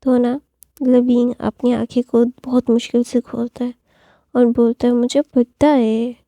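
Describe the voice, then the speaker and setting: Woman, storyteller, casual retelling, filler-heavy, dark tone, dry close sound. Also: fairly high pitch, completely flat delivery, a little slow, no echo. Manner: loose, with constant fillers and restarts.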